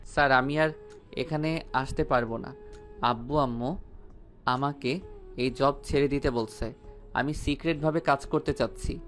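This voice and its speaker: A man's voice: mid-range voice, fairly even intonation, a little slow, long pauses, fairly bright tone, faint music behind, lightly acted. A man voicing a cheeky young male student who teases his family playfully. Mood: earnest. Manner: playful teasing.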